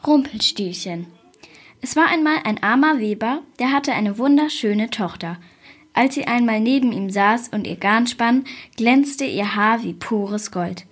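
A woman reading a fairy tale aloud in a calm, even storytelling manner. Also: on the high side, measured pace, breathy edge. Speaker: story reader.

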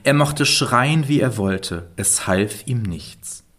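A man reading a fairy tale aloud in a calm, measured storytelling manner. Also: mid-range voice.

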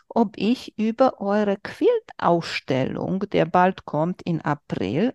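Casting: woman podcast host, slow and lively, gravelly edge, slightly broken German, dry close mic. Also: mid-range voice, no echo. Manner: warm, playful questioning with slightly broken German grammar. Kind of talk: casual interview chat.

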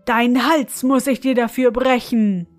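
A towering male spirit, put on by a woman reading a fairy tale, speaks with booming, haughty force. His voice sits high and loud. The storybook telling has faint music behind it. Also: fairly even intonation, a little slow, natural voice. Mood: menacing. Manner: booming and haughty, later pleading. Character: huge proud male spirit trapped in bottle.

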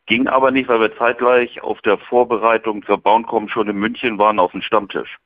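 A man on a tinny phone line, his voice a little low and close without any room sound. He chats easily and tells his story as a caller on a live show. The call comes in from a hotel room. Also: little pitch movement, moderate pace, dry recording. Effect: over the phone. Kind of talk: casual chat.

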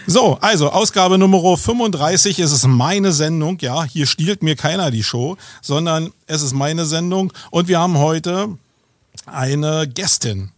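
A man's voice: fairly high pitch, a little slow, dry recording, studio quality. A man hosting a podcast in casual chat, joking and playful, with frequent fillers. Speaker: podcast host.

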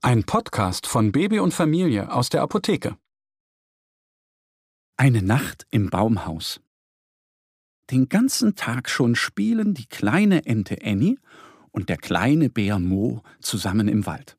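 Male storybook narrator, husky, lively pitch, dry close sound. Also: takes it slowly, long pauses, dry recording. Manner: expressive, gentle. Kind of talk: children's storybook reading.

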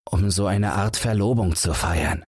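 Man reading a soft sad guy, slow and hesitant, husky low voice. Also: no echo, clean studio sound. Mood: wistful. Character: quiet melancholy man, gentle and hesitant.

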